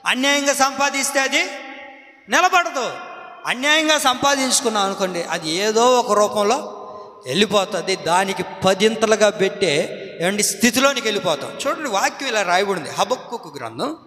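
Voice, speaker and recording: High, bright-voiced preaching pastor. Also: male voice, lively intonation, moderate pace, roomy sound, long reverb tail. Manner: emphatic preaching, repeats phrases, asks the congregation questions. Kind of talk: sermon. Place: church hall.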